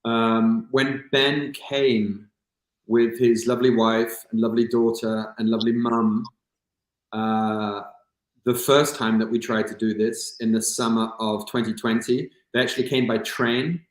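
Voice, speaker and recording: A man's voice: mid-range voice, flat delivery, a little slow, reverberant. A man from England, a guest on a video call, talking casually with many fillers and restarts. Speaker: guest, kidney recipient. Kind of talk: casual interview chat.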